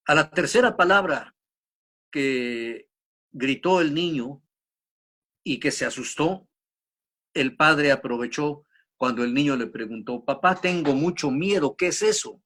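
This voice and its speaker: A middle-aged man hosting a radio show on business leadership, telling a parable and acting out shouts and echoes. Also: medium pitch. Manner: storytelling, acts out shouts and echoes. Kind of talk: motivational business talk with a told parable.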